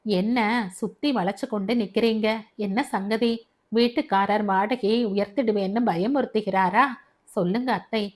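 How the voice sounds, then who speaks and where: A scornful young working woman, as a woman narrator puts her on, firing sharp, pointed questions from a storybook. Her tone cuts with indignation. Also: medium pitch, steady tone, moderate pace, natural voice. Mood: questioning.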